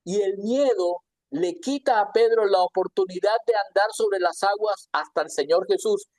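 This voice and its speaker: A man's voice: high-pitched, moderate pace, a little mellow, no echo. A man teaching a Bible lesson in a conversational sermon style, often asking his listeners questions. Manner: conversational, asks the audience questions.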